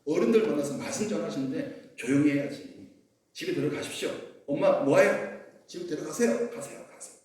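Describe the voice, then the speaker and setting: A man's voice: on the high side, brisk, darkish tone, natural voice. A man acting out an officious male disciple who bossily scolds parents and shoos them away. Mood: scolding. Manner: bossy, scolding. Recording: echoey hall, mic far off.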